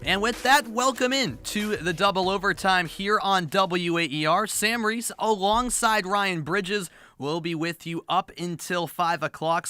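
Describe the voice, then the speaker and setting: A man hosts post-game sports radio talk. His voice is high and bright, recorded very dry in a studio manner. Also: clear, resonant tone, no room sound.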